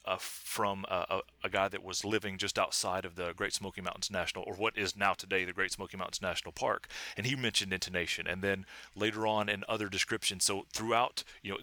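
A man talking as an academic researcher and interview guest, explaining in a halting, careful way. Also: on the low side, sharp tone, no echo. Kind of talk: academic discussion.

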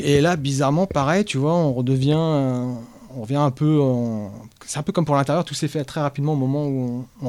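Mid-pitched director, chatty and rambling. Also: male voice, a little mellow. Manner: rambling, many fillers. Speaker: film director. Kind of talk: casual interview talk.

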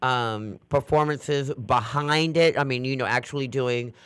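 A man's voice: mid-range voice, measured pace, a bit bright, clear, resonant tone, no echo. A man hosting a talk show, chatting with a guest in a sassy, playful way and laughing often. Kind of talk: casual interview chat.

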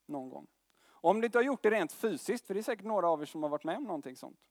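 A young man with a high voice preaches a sermon and talks to the congregation like a friend, throwing in slang and quick tag questions. His voice sits close and dry on the mic. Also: animated, no echo.

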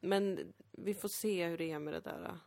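A woman's voice: on the low side, gravelly, dark tone, no room sound, studio quality. A woman co-hosting a podcast, chatting frankly and casually, now and then acting out quotes. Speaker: podcast co-host. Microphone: computer mic at home.

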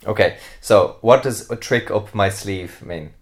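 A man co-hosting a podcast for English learners. He explains phrases patiently, with many ums and pauses. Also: fairly low pitch. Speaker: podcast co-host. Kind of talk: casual chat explaining English usage.

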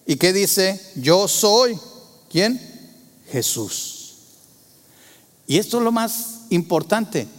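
A man preaching a sermon, asking the congregation rhetorical questions and moving between loud emphasis and hushed tones. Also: high-pitched, animated, takes it slowly, long reverb tail.

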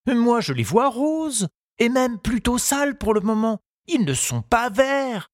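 A man's voice: very high voice, sing-song, a little slow, no echo, studio quality, pitched above the performer's own voice, full character voice. Give me a man doing an eager little boy. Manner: bright, questioning. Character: young boy, eager and curious. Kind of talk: audiobook character reading.

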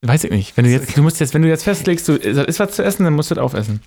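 Slightly high-voiced rambling man. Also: expressive, rapid-fire, darkish tone. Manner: rambling, many fillers and restarts. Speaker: podcast co-host. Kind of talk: casual chat.

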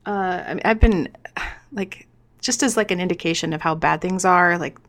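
A woman's voice: on the low side, moderate pace, a bit bright. A woman in her thirties talking informally in a panel discussion, with slightly slurred marbles-in-mouth articulation, hesitating and often checking for agreement. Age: 30s. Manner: informal, hesitant, seeks agreement with "right?" and "you know". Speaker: scientist guest on a podcast.

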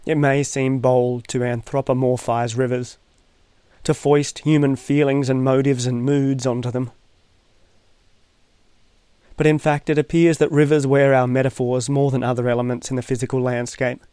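Man, calm essay narrator, level delivery, dry close-miked sound, wry asides. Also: mid-range voice, moderate pace, clear, resonant tone, no room sound.

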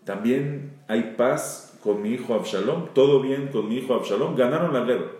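Echoey rabbi. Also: male voice, mid-range voice, normal speed, darkish tone. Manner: reads Hebrew verses, then explains them in Spanish; repeats phrases for emphasis. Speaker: rabbi teaching. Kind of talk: Bible storytelling lesson. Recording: very echoey room.

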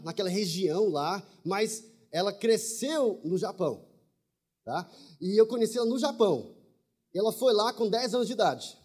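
Male preacher, fairly high and husky, telling a personal testimony with humor and asides to the crowd. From Brazil. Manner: storytelling, humorous, with asides to the audience. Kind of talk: testimony sermon to a congregation.

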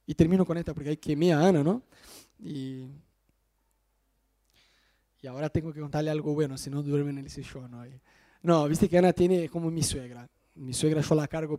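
A middle-aged man preaches in a Rioplatense Spanish accent, moving between personal anecdotes and Bible verses. His voice sits high for a man yet sounds dark and mellow rather than sharp. He talks in an animated, joking way and keeps checking that his listeners follow him. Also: moderate pace. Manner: animated, jokey, asks the congregation if they follow. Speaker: pastor.

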